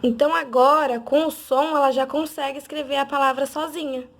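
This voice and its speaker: Speaking in a high voice with fairly even intonation, a woman who teaches literacy carefully sounds out each letter. She goes slowly, clearly and patiently for parents watching her instructional video.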